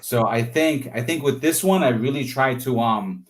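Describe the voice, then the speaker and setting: Here's an artist being interviewed: a man with a mid-range voice and a moderate pace. Casual yet thoughtful, he explains his creative process, pausing to find words and filling in with "like" and "you know."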